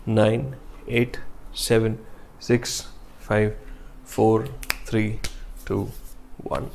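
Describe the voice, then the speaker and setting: A man's voice: lowish voice, flat delivery, drawn-out words, gravelly, a little mellow, slight background noise. A man with a North Indian accent teaching a casual live online class, speaking English sprinkled with Hindi phrases and addressing students directly. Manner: addresses students directly with short check-ins. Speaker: online exam-prep chemistry teacher.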